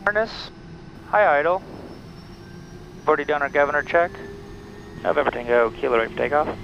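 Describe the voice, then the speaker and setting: A man's voice: fairly high pitch, expressive, a little fast, vocal fry. A man in his thirties, a bush pilot in a small plane cockpit, talking through his checklists step by step on a headset and making radio calls. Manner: methodical, running through checklists aloud. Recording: muffled headset audio over engine noise.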